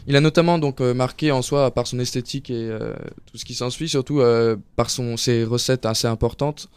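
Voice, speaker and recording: A man gives a radio segment from a dry studio. His voice is clear and smooth at a middle pitch. He talks in a halting way, filling pauses and restarting his phrases. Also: steady tone, a little mellow, dry recording. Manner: halting, many fillers and restarts. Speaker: student columnist.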